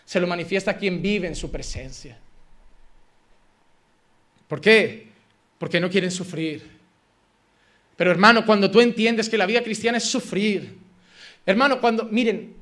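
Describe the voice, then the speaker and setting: A man from Spain preaching with a strikingly high voice and a Spanish accent from Spain. His delivery is impassioned and emphatic, hammering home repeated phrases. The tone is bright and forceful. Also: normal speed, long pauses. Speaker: pastor. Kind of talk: sermon.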